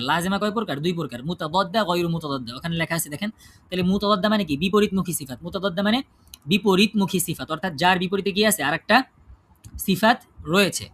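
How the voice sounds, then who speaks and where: A man teaches a class with a high-pitched voice. He asks the students questions and answers them himself. He keeps checking whether they follow him. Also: a bit bright, slight background noise. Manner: checks understanding with frequent tag questions. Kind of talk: classroom lesson on Quran recitation rules.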